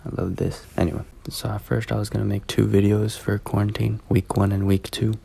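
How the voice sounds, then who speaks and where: Gravelly, breathy man vlogging softly. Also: lowish voice, level tone, brisk. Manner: soft-spoken, drifting into whispers. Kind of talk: casual video sign-off.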